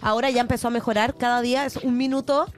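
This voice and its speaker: Chatty woman co-host, fairly high voice. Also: fast talker, faint music behind. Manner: chatty and animated, laughs often. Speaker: podcast co-host. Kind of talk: casual chat.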